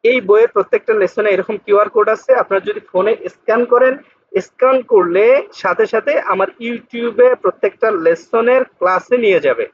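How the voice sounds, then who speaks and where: A man teaching Japanese vocabulary, patiently repeating each word slowly to drill its pronunciation. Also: sits high, slight background noise. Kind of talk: vocabulary lesson explanation. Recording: dull lo-fi sound.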